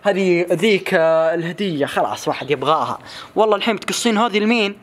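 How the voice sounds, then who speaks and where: Fast-talking man, playful. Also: high voice, lively intonation, a little hiss or hum. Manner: rapid, playful, teasing narration with many calls and repeats. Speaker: family vlogger filming his child. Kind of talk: excited running commentary on a family video.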